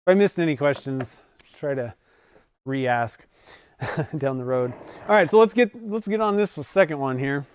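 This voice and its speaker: A man's voice: fairly high pitch, lively intonation, unhurried, long pauses, darkish tone, clean tone, no echo. A man in his forties hosting a casual livestream from his workshop, rambling with frequent self-corrections and chuckles. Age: 40s. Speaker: livestream host. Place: home workshop.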